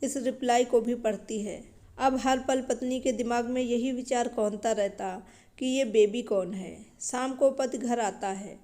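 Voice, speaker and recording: A woman telling a moral story in calm, even scripted narration. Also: on the high side, unhurried.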